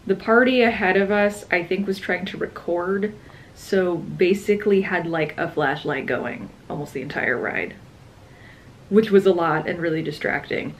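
A young woman in her twenties chats with a relaxed, tired ease, pitched a touch low. She drifts between thoughts and trails off with soft laughs. A faint hum of room noise sits behind her. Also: normal speed, rough recording. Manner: chatty, playful, trailing off with laughs. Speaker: travel vlogger. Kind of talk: casual chat.

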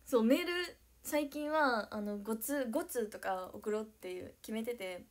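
Young woman, high bright voice, bubbly livestream chatter, giggly, reads out viewer comments. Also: a little slow. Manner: excitable, giggly, thanks viewers by name. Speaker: idol livestreamer. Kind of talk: casual livestream chat reading viewer comments.

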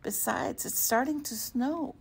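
A woman reading aloud, voicing a tired, sick mother who speaks softly and weakly to her daughter. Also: high voice, measured pace, gravelly, breathy edge, voice pushed up, exaggerated voice. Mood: tender. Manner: weak, soft-spoken.

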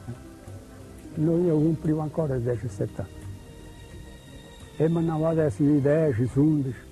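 An older man with a Sardinian accent recalls his youth in a rambling, halting way. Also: a little high, fairly even intonation, dark tone, soft background music, rough recording.

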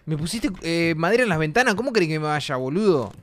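A man's voice: on the high side, lively intonation, fast talker, fairly bright tone. Jumpy Argentine guy streaming a horror game. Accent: Argentine Spanish. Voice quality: jumpy, screams and yelps when startled. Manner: nervous, rambling, swears a lot. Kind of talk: live gameplay commentary. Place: alone in a dark apartment.

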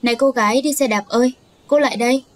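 A woman's voice: fairly high pitch, fast talker, close to an everyday voice. A woman voicing a deferential male chauffeur.

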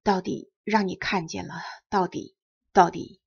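A timid young husband from a storybook, voiced by a woman reader, anxious and pleading. The tone is husky and the recording dull and lo-fi. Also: on the low side, steady tone, unhurried, full character voice. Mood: shaken.

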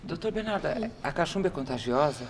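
Casting: a gentle Brazilian mum, strikingly low voice, soap drama, faint noise. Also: female voice, lively intonation, quick pace. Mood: gentle concern. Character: soft-spoken mother of a sick child. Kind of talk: telenovela acting. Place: indoor bedroom set.

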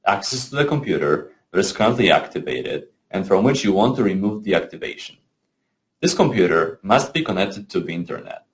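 A man narrating a scripted software tutorial, giving clear step-by-step instructions with the odd small slip. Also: low-pitched, animated, fairly quick.

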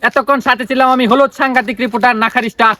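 High, very fast parody field reporter played by a man. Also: steady tone, pushed and bright. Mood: earnest. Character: earnest parody TV field reporter on a live link. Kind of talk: parody live news report.

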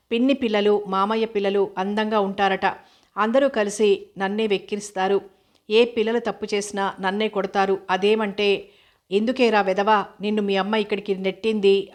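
Woman reading a story in a flat voice. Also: mid-range voice. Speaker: story reader. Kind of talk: first-person story narration.

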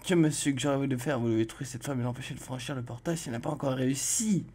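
A man playing a video game and commenting as he goes, reading dialogue aloud and joking, with sudden loud exclamations. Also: medium pitch, rapid-fire, husky. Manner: chatty, jokey, exclaims loudly in surprise. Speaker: let's play host.

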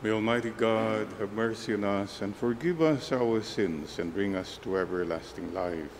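A man serving as priest, leading the Mass in a measured, solemn prayer cadence at a pulpit microphone. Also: on the low side, a little hiss or hum. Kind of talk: leading liturgical prayer and exhortation.

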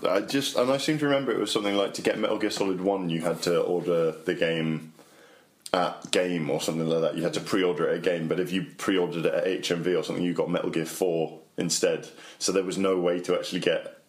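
A man's voice: sits low, steady tone, quick pace. A man co-hosting a video game podcast in casual chat, full of dry, sarcastic quips. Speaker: podcast co-host.

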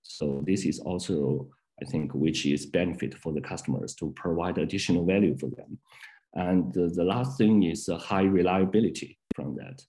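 A man presenting solar products on a video call, speaking with many "uh" fillers between halting phrases. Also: deep voice, mellow. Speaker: sales director presenting products. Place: indoor office, on a video call.

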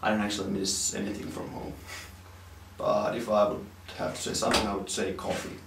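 A man's voice: on the low side, flat delivery, a little fast, vocal fry. A man from the United States, a student, answering an interview question in a dry, offhand way. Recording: roomy, distant, noisy.

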